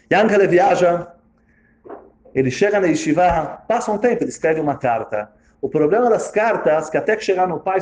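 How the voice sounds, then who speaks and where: A man tells a sermon story in a fairly high voice that rises and falls with lots of life. He is dramatic and animated, and he sounds echoey, as if in a reverberant room. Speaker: religious teacher.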